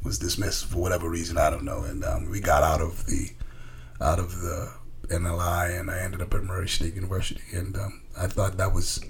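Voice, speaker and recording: In this casual interview, the college coach who grew up in the Bahamas recounts stories emphatically, repeating words often. His low, creaky voice is monotone and a little fast, and the recording has a little hiss or hum.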